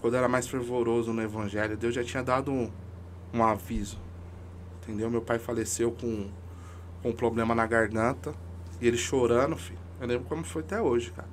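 A man's voice: medium pitch, fairly even intonation, fairly quick, a little hiss or hum. A man, a podcast guest talking casually in an emotional, slangy, emphatic way about his amateur football club. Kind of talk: casual chat.

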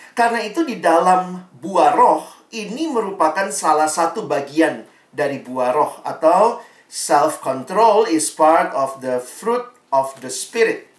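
Male preacher for a youth crowd, easygoing conversational delivery, recorded with room echo at a distance. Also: high voice. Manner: relaxed and conversational, slips in English Bible phrases. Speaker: preacher to young people. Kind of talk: sermon. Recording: echoey room, mic at a distance.

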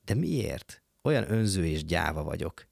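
A man's voice: deep voice, big pitch swings, gravelly, darkish tone, no echo, studio quality, full character voice. A man reading a story aloud, voicing an anxious, tearful young woman who talks in a pleading, reproachful way. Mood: distraught. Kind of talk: audiobook reading.

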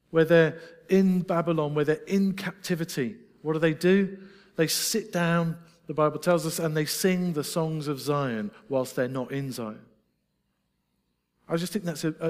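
A middle-aged Scottish man preaching in an earnest, reflective way, now and then making light of himself. His voice sits a little high for a man. The sound carries a long reverb, as in a large hall. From Scotland. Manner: earnest, reflective, with self-deprecating asides. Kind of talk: sermon.

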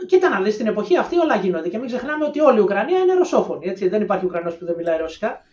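A woman's voice: mid-range voice, big pitch swings, a little mellow. A woman co-hosting a podcast in casual analytical chat, speculating and offering her ideas in a knowing tone. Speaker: podcast co-host. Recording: distant, echoey, dull-sounding mic.

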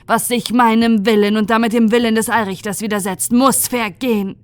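A woman's voice: medium pitch, lively intonation, moderate pace, no room sound, close to an everyday voice. A woman voicing a ruthless female inquisitor who speaks in a cold, commanding, contemptuous way. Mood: furious.

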